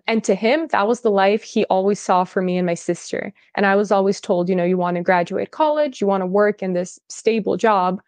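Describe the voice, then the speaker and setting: A woman's voice: medium pitch, a little mellow, no room sound. Woman guest on a podcast, chatty, says like a lot, dry close mic. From Russia, raised in California. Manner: chatty storytelling, lots of "like". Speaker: podcast guest, business owner. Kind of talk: casual podcast interview.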